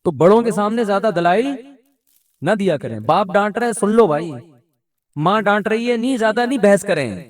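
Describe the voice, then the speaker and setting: A man's voice: sits high, expressive. A middle-aged man with a Pakistani Urdu accent giving an Islamic sermon in a conversational way, briefly acting out the people he quotes. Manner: conversational, acts out quoted voices. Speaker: religious preacher.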